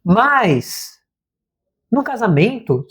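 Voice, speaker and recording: A therapist and channel host gives a casual spiritual talk to camera, his voice sitting high with big swings in pitch and a slightly bright tone. He speaks extremely slowly in a slangy, conversational way, saying "cara" often.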